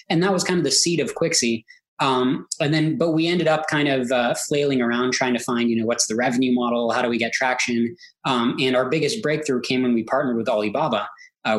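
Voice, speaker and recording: A tech entrepreneur in his thirties, an American man born in Israel and now based in Silicon Valley, chats casually as an interview guest. Talkative, he fills his speech with "like" and "you know." His voice is mid-range, and the recording quality is low.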